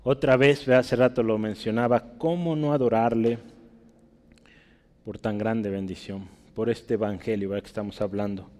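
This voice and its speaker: A man's voice: steady tone, moderate pace, darkish tone. A man with a Mexican Spanish accent preaching a sermon, who reads scripture aloud in a raised voice and keeps asking his listeners to agree. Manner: reads scripture aloud, often asks "¿verdad?"; rises sharply in pitch and volume when reading verses. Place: church hall. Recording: long hall reverb.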